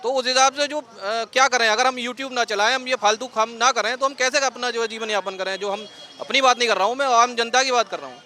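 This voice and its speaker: A man's voice: very high voice, a little fast, bright, forceful tone, slight background noise. A man being interviewed on a city street, speaking earnestly and rambling with many fillers.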